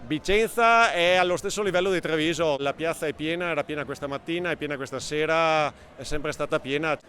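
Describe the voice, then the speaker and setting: A man's voice: fairly high pitch, brisk, fairly bright tone, a little hiss or hum. A man interviewed outdoors who speaks enthusiastically and lists things one after another. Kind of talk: street interview.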